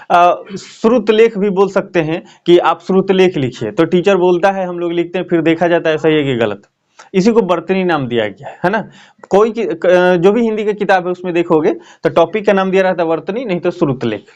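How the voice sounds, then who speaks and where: Speaking at a normal speed in a high, slightly mellow voice, a man teaches grammar at a board over dull audio. He keeps his explanations chatty and checks in frequently with the class.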